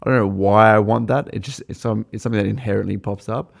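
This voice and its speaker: A man hosting a podcast, talking reflectively in a casual conversation, with halting starts and restarts. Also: lowish voice, steady tone, creaky. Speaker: podcast host.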